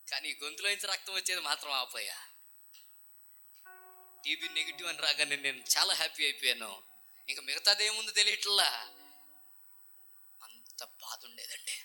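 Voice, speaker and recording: A male preacher with a strikingly bright, forceful voice pitched a little high, delivering an impassioned sermon testimony. He drops to near whispers and then rises to ringing calls, with faint music beneath him. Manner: impassioned, swings from hushed whispers to loud calls. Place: church revival meeting, over speakers.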